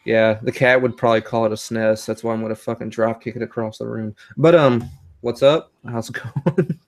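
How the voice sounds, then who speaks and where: A man's voice: medium pitch, fairly even intonation, a little fast, darkish tone. A man co-hosting a casual gaming podcast, joking, swearing and laughing often. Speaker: podcast co-host.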